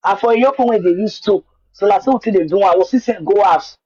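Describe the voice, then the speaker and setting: A woman's voice: mid-range voice, quick pace, dark tone, husky, muffled recording. A woman with a Nigerian accent tells her own story in Nigerian Pidgin, repeating words for emphasis. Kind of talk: personal account in conversation.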